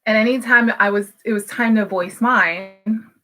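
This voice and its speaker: A woman's voice: medium pitch, measured pace, bright, forceful tone. A woman in her thirties from Hawaii, a business coach talking candidly to camera in a casual, motivational way, with many fillers. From Hawaii, United States. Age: 30s. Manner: candid and personal, with frequent fillers.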